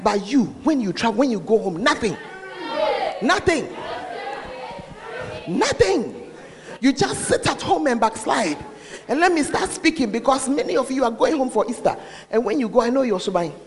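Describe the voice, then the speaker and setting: A man's voice: very high-pitched, big pitch swings, a little fast, a crowd in the background. A man with a Ghanaian accent preaching a sermon, scolding and questioning listeners directly, his voice slightly muffled by a face mask. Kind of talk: sermon to a congregation. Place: large reverberant church. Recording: long hall reverb.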